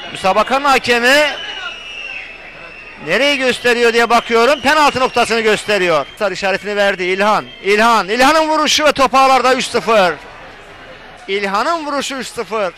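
A man screams live football commentary at a very high pitch. His voice is bright and forceful, with some outdoor noise behind him. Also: normal speed, some chatter behind. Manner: screams excitedly at goals.

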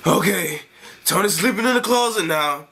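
A man voicing a bossy, excitable male cartoon bird who leads his rowdy flock in a puppet comedy skit. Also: high-pitched, moderate pace. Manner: loud, rowdy, leads the group.

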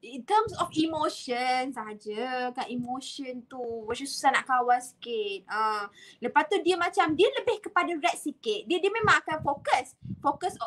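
Malaysian woman in her twenties, live-stream host, high bright voice, chatty, laughs a lot, mixes in English. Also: lively intonation, normal speed, rough recording. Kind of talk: casual live-stream talk.

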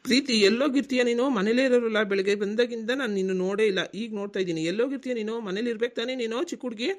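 A man voicing a fast-talking village dad. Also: on the high side, fairly bright tone, natural voice. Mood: questioning. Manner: coaxing, fatherly. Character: affectionate village father home from the city. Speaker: cartoon voice actor. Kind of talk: cartoon voice acting.

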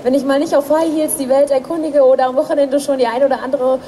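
High-voiced talkative woman in her twenties. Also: steady tone, quick pace, dark tone, slight background noise. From Germany. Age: 20s. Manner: talkative, self-assured. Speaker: pageant contestant. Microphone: handheld mic.

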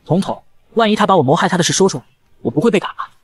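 A man voicing a cowardly, scheming young male disciple who whines and fawns, in a fast manga recap narration. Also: sits high, animated, breathy edge, no room sound. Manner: whiny, fawning.

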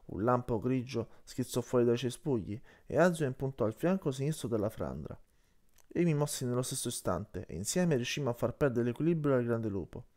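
A man narrates an audiobook with an animated, widely varying voice at a middle pitch. He reads expressively, shifting his tone for every character. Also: brisk. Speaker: audiobook reader.

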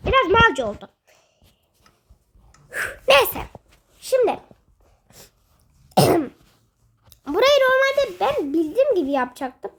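A woman's voice: very high-pitched, background noise. A woman giving casual let's-play commentary, chatty and self-mocking, often exclaiming at the game. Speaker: gaming video host.

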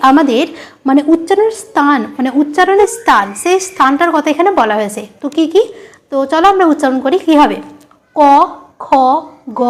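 High-pitched lady teacher at the board, asks a question then answers it herself, says the key words again and again. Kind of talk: classroom lesson at a board.

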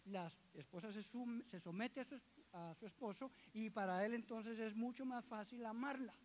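A middle-aged man preaches to his congregation in a strikingly high voice. He jokes with the listeners and slips into quoted voices as he talks. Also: moderate pace, a little hiss or hum. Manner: lively, joking with the congregation, acting out quoted voices. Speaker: church elder preaching. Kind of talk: sermon.

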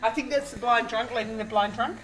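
A woman's voice: fairly high pitch, brisk. A middle-aged, playful, giggly and tipsy woman chatting casually as she helps in a kitchen. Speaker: co-host helping in the kitchen. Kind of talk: casual chat. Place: home kitchen, indoors. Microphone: camera a few steps away. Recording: echoey kitchen with music.

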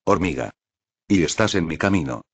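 Brief: icy, haughty magic girl in a storybook, calm and contemptuous, read by a man, low dry voice. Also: moderate pace, slightly rough, no echo, exaggerated voice.

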